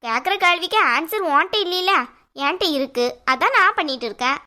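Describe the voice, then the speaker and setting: Taunting cartoon sister-in-law, voiced by a woman, very high. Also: animated, a little fast, sharp tone, heavily acted. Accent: Tirunelveli Tamil. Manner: sarcastic, taunting. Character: meddling sly young sister-in-law, sarcastic. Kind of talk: cartoon voice acting.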